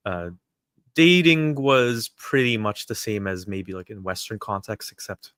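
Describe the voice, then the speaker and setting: Guy from dubai chatting on a stream, low voice, lots of uhs, dry sound. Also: unhurried, smooth, no echo. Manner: relaxed, hesitant, many fillers. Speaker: livestream guest. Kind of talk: casual livestream chat.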